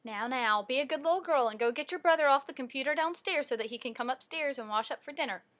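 A woman playing a patient, firm mother. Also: sits high. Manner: soft, measured and instructive.

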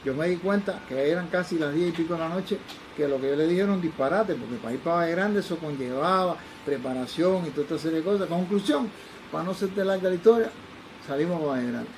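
Older male forensic doctor, Cuban accent, high and quick, lively storyteller who mimics the people in his tales. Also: slight background noise, low-quality recording. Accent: Cuban Spanish. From Cuba. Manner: acts out the voices of people he quotes. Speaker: forensic toxicologist. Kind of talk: animated personal storytelling.

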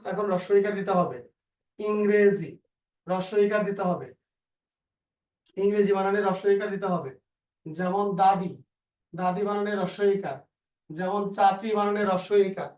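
A male teacher with a Bangladeshi Bengali accent, slowly dictating spelling rules and repeating example words. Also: high voice, fairly even intonation, a little mellow. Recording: echoey room, voice a bit far from the mic.

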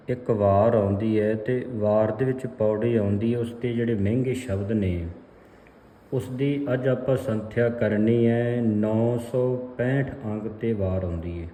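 A man teaching the correct pronunciation of scripture verses, with a Punjabi accent. He repeats words slowly and chants the verse lines in a sung recitation. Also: on the low side, mellow. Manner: slow, deliberate, repeats words to drill pronunciation. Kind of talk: slow scripture pronunciation lesson. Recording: echoey room with long reverb.

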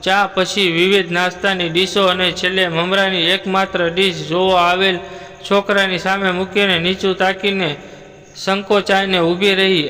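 A man narrating a moral story in a steady, even storytelling read. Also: high voice, long reverb tail.

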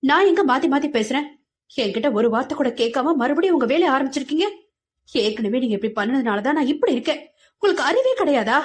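A woman's voice: high-pitched, expressive, brisk, pitched above the performer's own voice. A woman voicing a young female student who speaks in a hurt, defiant and emotional way. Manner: emotional, pleading.

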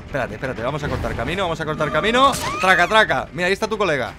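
A man giving live, mocking commentary while playing a horror game, jumping between loud outbursts and low muttering. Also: sing-song, rapid-fire. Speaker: gameplay streamer.

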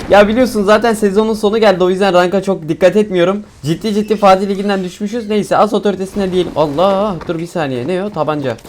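Brief: young male gaming streamer, excitable running commentary, faint gunfire underneath. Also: sits high, slight background noise. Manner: chatty, excitable, talks to viewers and teammates. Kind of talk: casual gameplay commentary.

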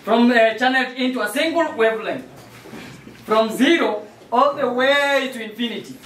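A man's voice: very high-pitched, moderate pace, a bit bright. A man playing a chatty American surveillance expert in an amateur stage play, talking hesitantly and tagging lines with "eh?". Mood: explaining. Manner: hesitant, tags sentences with "eh?". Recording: roomy, distant mic with faint noise.

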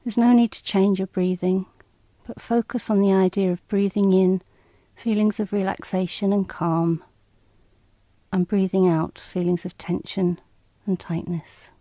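A woman with a medium-pitched voice reads a scripted guided relaxation in a calm, measured, soothing and slightly clinical way. There is no room sound.

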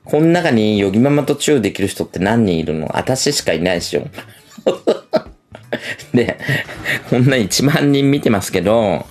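A man's voice: fairly low pitch, very animated, moderate pace, a little mellow, soft background music. A middle-aged man with an effeminate camp persona, chatting crudely and rambling in a casual livestream, laughing often.

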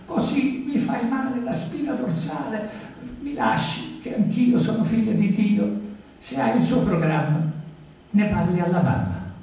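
A shrill, squeaky falsetto voice of a cheeky man crying out in mock protest, as a poetry reader puts it on. It rises far above the reader's own low speaking voice. The sound is echoey and distant, like a hall picked up from across the room. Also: animated, a little slow, darkish tone. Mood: squealing.

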